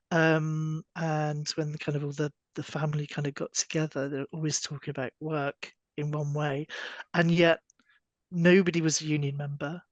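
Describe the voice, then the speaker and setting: A man's voice: on the high side, no echo, dull audio. A man from West England near the Welsh border, a library union representative speaking reflectively on a panel with many fillers. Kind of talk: panel discussion.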